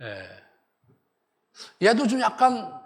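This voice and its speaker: A male pastor giving a sermon and telling the story in a lively way, acting out the characters. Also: high voice, very slow, gravelly. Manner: animated storytelling, acts out the characters. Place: church sanctuary. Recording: long church hall reverb.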